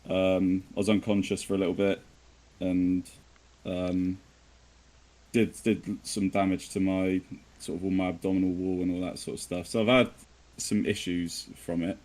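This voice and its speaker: A man's voice: sits low, flat delivery, moderate pace, a little mellow, poor audio. A man with an English West Country accent chatting casually, informal and a little hesitant as he talks about himself. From southwest of England. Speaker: podcast guest. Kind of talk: casual chat.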